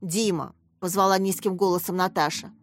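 A woman reading a children's story aloud in an expressive audiobook style, raising and brightening her voice for the characters' lines. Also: medium pitch, fairly quick. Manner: gives each character a slightly raised, lively voice. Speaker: audiobook narrator.

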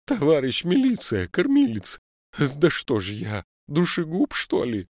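A man voicing a frightened old woman moonshiner who wails and pleads in a high, strained voice. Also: wildly swooping pitch, measured pace, darkish tone, no room sound, studio quality, exaggerated voice. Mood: wailing. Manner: wailing, pleading.

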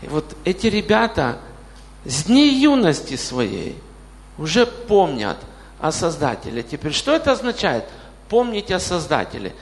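Fairly high-pitched and very animated, though a little slow, this man in his late forties is a pastor delivering a church sermon. He keeps addressing questions straight to the congregation, and the hall around him is full of reverb.

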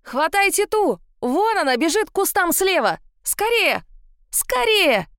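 A panicked male guard bellowing orders, as a woman narrator puts him on. His voice jumps high and shrill. The voice is close and dry. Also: measured pace, dry recording, full character voice. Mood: alarmed. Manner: shrill excited yelling.

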